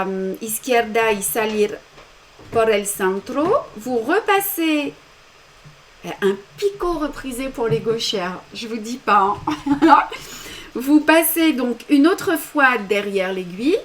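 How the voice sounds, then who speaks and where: A woman with a French accent giving step-by-step embroidery instructions during a live demonstration, with small self-deprecating asides. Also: a little high. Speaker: embroidery teacher.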